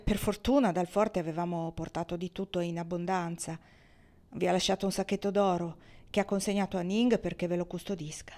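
A woman's voice: on the low side, fairly even intonation, a little fast, a little mellow, lightly acted. Woman narrator doing a big friendly prospector, audiobook, earnest. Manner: earnest, incredulous. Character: burly bearded male gold prospector, friendly. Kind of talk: audiobook reading.

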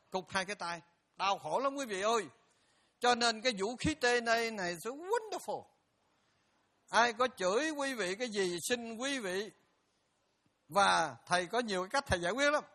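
An older Buddhist monk delivers a dharma talk as a joking storyteller. His voice sits high for a man and sounds bright and forward, and he keeps turning to address the audience directly.

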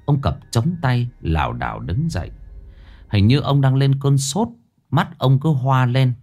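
A man's voice: medium pitch, expressive, a little slow, darkish tone. A man narrating a scripted ghost story in a dramatic, suspenseful way. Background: faint background music.

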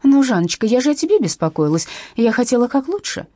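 A woman's voice: mid-range voice, expressive, brisk, mellow, husky, no room sound, studio quality. A woman voicing an anxious, plaintive young woman in an audiobook. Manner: plaintive, eager.

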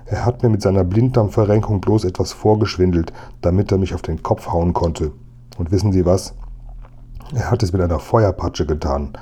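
A man's voice: sits low, normal speed, warm tone, husky. A man voicing a grumpy village police sergeant who grumbles and growls in indignation. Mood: grumbling.

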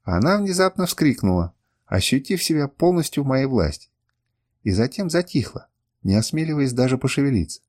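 A male narrator reading a first-person adventure audiobook. He speaks at a middle pitch with a lively, varied melody and a measured delivery.

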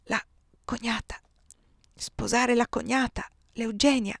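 Whispered role-play: a woman playing a faint, delirious dying general, breathy halting whisper, dry close sound. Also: fairly high pitch, darkish tone, no room sound, pitched above the performer's own voice. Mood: faint, pleading.

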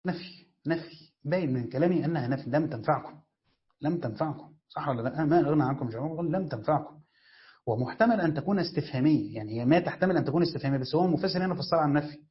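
Man, Egyptian accent, religious teacher, fairly high voice, rapid delivery, dull lo-fi recording. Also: lively intonation. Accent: Egyptian Arabic. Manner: quizzes listeners then answers his own questions. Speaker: teacher of Quran exegesis. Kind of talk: classroom lesson, explaining grammar.

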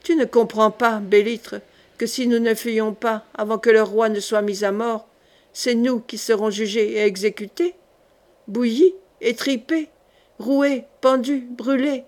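A woman's voice: on the high side, steady tone, a little slow, a little mellow, lightly acted. A woman reading a blustering sly mercenary. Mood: scornful. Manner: scornful, bossy. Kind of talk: audiobook character voice.

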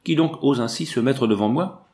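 A man's voice: medium pitch, normal speed, a little mellow, close to an everyday voice. Man voicing a stern, commanding marksman. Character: proud Native male marksman, thunderous.

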